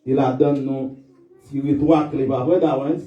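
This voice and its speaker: A man preaching a sermon in church, calling out to his congregation for responses and reading scripture slowly and emphatically. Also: medium pitch, steady tone. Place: church sanctuary. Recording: echoey hall, distant dull mic.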